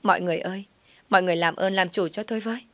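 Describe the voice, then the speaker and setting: Woman doing a shrill, combative pregnant young woman. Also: brisk, a bit bright, dry recording. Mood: wailing. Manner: pleading, accusing, crying out.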